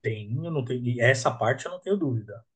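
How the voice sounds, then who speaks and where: Husky man musing aloud. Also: mid-range voice, expressive, quick pace, a bit bright. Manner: reflective, tags thoughts with 'né?'. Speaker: guest. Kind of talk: casual podcast conversation.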